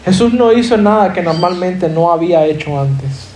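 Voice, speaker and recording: A man's voice: sits high, animated, moderate pace, darkish tone, echoey room, a little hiss or hum. A man preaching a sermon as pastor, earnest and driving home points with rhetorical questions. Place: church hall.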